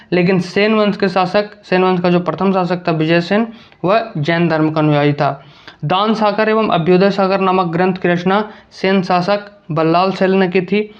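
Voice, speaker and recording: Man, high voice, exam-prep lecture, quiz-style questions and answers, slightly dull lo-fi audio. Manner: drills points by asking quiz questions and answering them.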